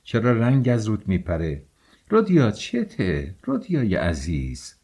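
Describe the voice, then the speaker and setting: A man's voice: on the low side, wildly swooping pitch, a little mellow, breathy edge, exaggerated voice. A man voicing a proud young woman who pleads her case indignantly in a storybook reading.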